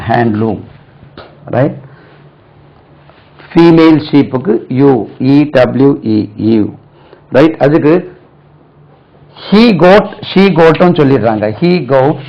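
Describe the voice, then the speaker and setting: Slow, patient male English tutor. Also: medium pitch, dull audio. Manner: slow, spells words letter by letter and repeats them; drills example sentences slowly, asks "right?" often. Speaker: English teacher. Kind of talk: spoken English lesson in Tamil.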